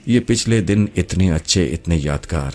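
A man's voice: deep voice, animated, dark tone. A male narrator voicing a young, wealthy, affectionate woman who pleads emotionally in a storybook reading. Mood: wistful.

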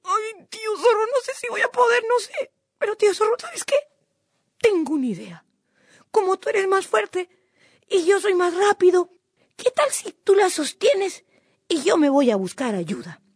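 A sly little guinea pig trickster, played by a woman, whining and pretending to strain. His voice is very high and squeaky, jumping all over the place. He sounds like a storybook character read aloud on the radio. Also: big pitch swings, measured pace, dry recording, clean studio sound, heavily acted. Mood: scheming. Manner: whiny, feigning strain and panic.

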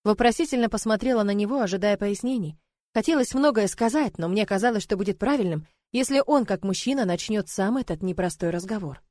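A woman narrating a first-person novel in an emotional, measured way. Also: medium pitch, a little mellow, no echo, studio quality. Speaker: audiobook narrator.

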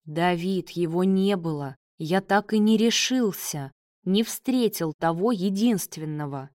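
A woman voicing a hesitant, uncertain young man in an audiobook, in a slow and measured way. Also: lowish voice, animated, a little mellow, no echo, studio quality. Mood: wistful. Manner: hesitant, reflective.

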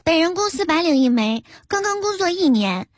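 A woman's voice: extremely high pitch, very animated, normal speed. A woman radio host, telling comic stories in the first person over background music. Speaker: radio host reading jokes. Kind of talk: scripted comic storytelling. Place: radio studio.

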